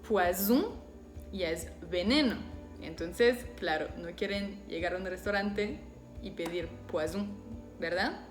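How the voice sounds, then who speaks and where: Slow-speaking woman teaching pronunciation. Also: mid-range voice. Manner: slow, careful, deliberately modelling French words. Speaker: French teacher. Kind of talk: explaining pronunciation to learners. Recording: echoey room.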